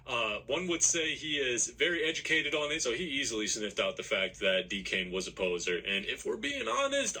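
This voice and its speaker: A man's voice: medium pitch, pushed and bright, slightly rough, poor audio. A man narrating a casual, mocking commentary video, slangy and profane. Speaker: commentary YouTuber.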